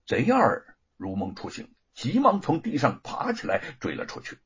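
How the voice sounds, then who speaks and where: Man, storyteller, dramatic reading, slightly high voice, dull lo-fi sound. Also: wildly swooping pitch, moderate pace, breathy edge. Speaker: narrator. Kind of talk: storytelling audiobook narration. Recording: dull lo-fi recording.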